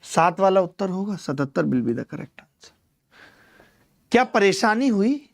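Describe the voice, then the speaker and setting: A man's voice: high voice, sing-song, slow pace, vocal fry. A man teaching a live online maths class, chatty and teasing, who explains step by step and repeats key numbers. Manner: chatty, teasing asides to students by name.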